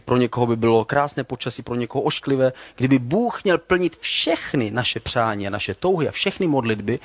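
A man delivers a sermon in an easygoing, conversational style, keeping it light with humor and little acted-out prayers. His voice sits in a middle register. The sound is dry and close, with no room echo. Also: mid-range voice. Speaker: preacher.

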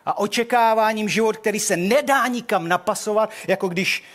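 An older man preaching a sermon in a hall, telling the story in an animated way and acting out the quotes. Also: high-pitched.

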